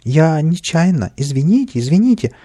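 Reading from a storybook, a man voices a tiny, scruffy male creature who is boastful yet cowardly, giving it a bratty, whining manner. His medium-pitched voice is sing-song and dark in tone, delivered at a moderate pace and slightly rough.

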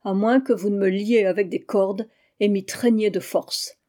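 A woman voicing a proud, defiant middle-aged queen, with loud and vehement declarations. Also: mid-range voice, fairly even intonation, normal speed, natural voice.

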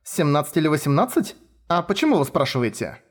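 A man doing a gruff, sardonic young woman journalist. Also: on the high side, very animated, quick pace.

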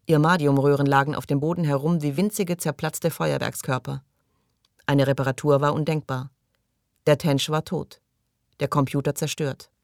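A man narrating a science-fiction audiobook in a measured reading style, dropping quieter at tense moments. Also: on the high side, little pitch movement, gravelly, dry recording, clean studio sound. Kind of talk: scripted narration.

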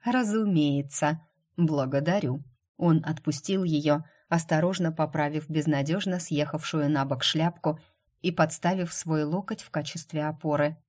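Woman reading an audiobook, low voice, steady even narration. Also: moderate pace. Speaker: audiobook reader. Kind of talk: scripted narration.

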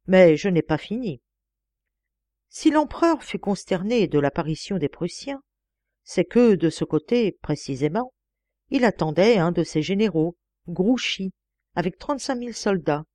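Sure young male detective in a storybook reading, calm, explaining, mellow low voice, read by a woman. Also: a little slow, no echo, clean studio sound. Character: young clever male detective, self-assured.

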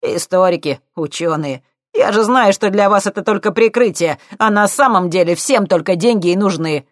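A man voicing a brash, scruffy young male petty crook in an audiobook, loud and mocking. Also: high-pitched, normal speed, no room sound, studio quality, voice pushed up. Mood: cocky.

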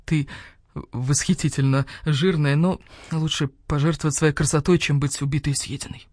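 A woman voicing a small, fit male mini-pig who speaks tenderly and gravely to his wife. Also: sits low, fairly even intonation, normal speed, darkish tone, no room sound, studio quality. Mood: earnest.

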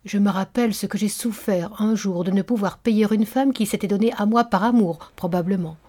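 A woman's voice: medium pitch, fairly quick, mellow, close to an everyday voice. Woman reading as a bitter, brooding nobleman. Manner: intense, brooding confession. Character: bitter, tormented middle-aged male nobleman confessing. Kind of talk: audiobook reading of a novel.

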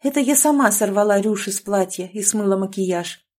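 A woman voicing a tired, cool-headed young noblewoman who answers flatly and indifferently, in an audiobook. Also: mid-range voice, moderate pace, lightly acted. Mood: weary.

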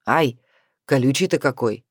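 A man's voice: mid-range voice, unhurried, no echo, studio quality, lightly acted. A man voicing a weary, teasing necromancer who mentors a young woman. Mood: wry. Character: male necromancer mentor, wry and sighing.

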